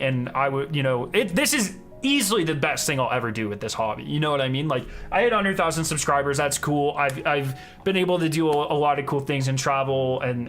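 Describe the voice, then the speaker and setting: A man's voice: on the high side, a bit bright. A man chatting casually on a live stream as its host, in an informal, rambling way. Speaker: streamer hosting a charity fundraiser.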